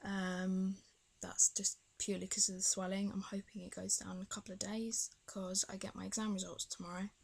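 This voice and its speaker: A woman's voice: medium pitch, level tone, fairly quick, creaky, slightly rough. A young British woman chatting casually in a video diary, rambling and hesitant, her speech slightly impeded by a swollen tongue. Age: young adult. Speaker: vlogger.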